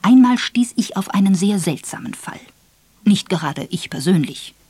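Brief: Vorleser als älterer Major, galant, geschwätzig, selbstgefällig; ruhige, nicht lebhafte Stimmführung, trockener Klang. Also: male voice, high-pitched, lively intonation, moderate pace, dark tone, slightly rough, dry recording. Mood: eager. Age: older. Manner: self-satisfied, gossipy, confiding. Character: Major Palgrave, older man, boastful and gallant. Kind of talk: audiobook character voice.

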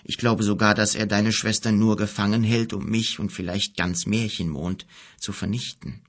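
A man reading an audiobook, voicing a grave, gentle bearded wizard in a solemn, hushed, unhurried way. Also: fairly low pitch, fairly even intonation, close to an everyday voice. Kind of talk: audiobook character voice.

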